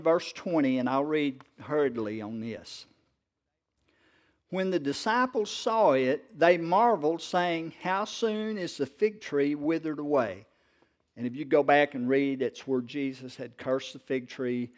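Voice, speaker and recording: A man preaching with a slightly raised pitch, chuckling between lines and coaxing his congregation to answer back. When he reads scripture he slows right down and leans on each word. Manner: joking, laughs often, calls for congregation response; reads scripture slowly and emphatically. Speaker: pastor. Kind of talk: sermon.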